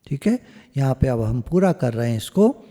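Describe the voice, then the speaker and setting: A man giving a spiritual discourse over a video call, slow and emphatic, often slipping into English phrases. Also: mid-range voice, very animated, warm tone, long reverb tail. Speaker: satsang speaker.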